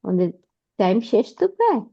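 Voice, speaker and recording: A woman's voice: mid-range voice, very animated, fast, vocal fry, mellow, breathy edge. A woman teaching Arabic grammar, explaining step by step and often asking her students whether they follow. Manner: checks understanding with frequent rhetorical questions. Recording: dull lo-fi audio.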